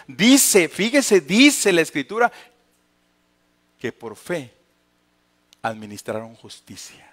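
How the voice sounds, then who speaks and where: Mexican pastor preaching with dramatic swings. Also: male voice, mid-range voice, long reverb tail. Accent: northern Mexican. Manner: dramatic storytelling, acting out voices, swings from loud to hushed. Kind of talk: sermon.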